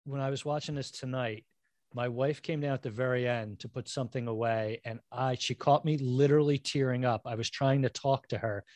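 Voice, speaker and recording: A man's voice: mid-range voice, steady tone, brisk, darkish tone, no echo. A man rambling in casual movie chat, full of fillers and self-deprecating asides.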